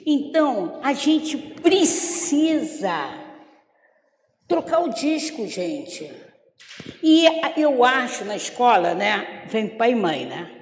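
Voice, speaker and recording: An older Brazilian woman giving a spiritist gospel talk, unhurried and storytelling, acting out the voices of people she quotes. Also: a little high, sing-song. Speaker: spiritist lecturer. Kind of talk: gospel talk with personal stories. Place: lecture hall of a spiritist center. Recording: echoey hall.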